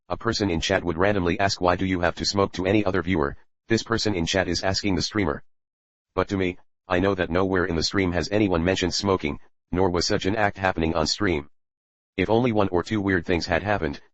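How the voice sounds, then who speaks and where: Anonymous man in a disguised deep voice. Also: a bit bright, dry recording. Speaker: anonymous speaker. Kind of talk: scripted first-person statement. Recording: dull lo-fi, dry.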